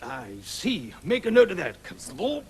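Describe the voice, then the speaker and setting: Pompous police sergeant. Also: male voice, sits high, huge pitch swings, moderate pace, background noise. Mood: officious. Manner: pompous, officious.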